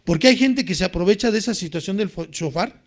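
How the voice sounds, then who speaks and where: High-voiced preacher, animated. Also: male voice, fast. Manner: animated, rises to shouting when quoting cries. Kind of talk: sermon.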